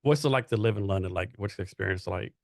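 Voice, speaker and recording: A man's voice: lowish voice, fast, vocal fry, no room sound, clean studio sound. A man hosting an interview podcast, asking loose, rambling questions full of "like" and "right?". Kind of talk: casual interview chat.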